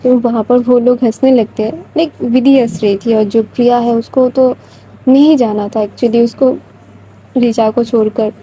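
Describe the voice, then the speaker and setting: Woman storyteller, chatty, conversational, husky, mellow. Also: a little high, steady tone, normal speed, low-quality recording. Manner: chatty, conversational, addresses listener. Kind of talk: casual spoken story narration.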